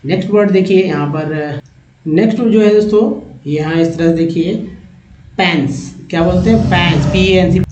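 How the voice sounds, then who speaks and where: A man with a Hindi accent teaching English reading, spelling out letters and repeating each word slowly. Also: sits high, a little mellow, slight background noise. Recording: echoey lo-fi room recording.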